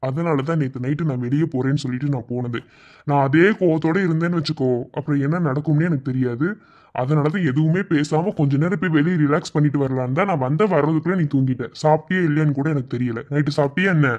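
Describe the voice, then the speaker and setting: A woman's voice: low-pitched, quick pace, darkish tone. A woman voicing a short-tempered but doting young husband with a Madurai Tamil accent, coaxing and teasing in a cartoon. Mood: explaining. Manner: coaxing and teasing after scolding. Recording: dull lo-fi sound.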